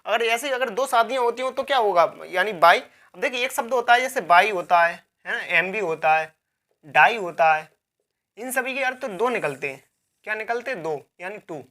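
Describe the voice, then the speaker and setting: A woman's voice: mid-range voice, expressive, normal speed, fairly bright tone. A woman teaching a vocabulary lecture, repeating key words, asking herself questions and spelling words out letter by letter.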